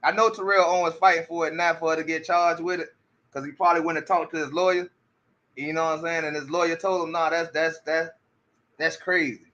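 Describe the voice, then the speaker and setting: A man's voice: on the high side, steady tone, fairly quick, fairly bright tone, highs cut off. A man giving casual commentary, often restarting his sentences and repeating rhetorical questions to his audience. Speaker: commentary streamer.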